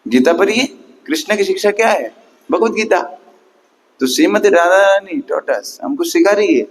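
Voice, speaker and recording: A man's voice: fairly high pitch, low-quality recording. A man giving a Sunday class sermon, emphatic and questioning his listeners, counting and chanting aloud at times. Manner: emphatic, rhetorical questions to the audience. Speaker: preacher.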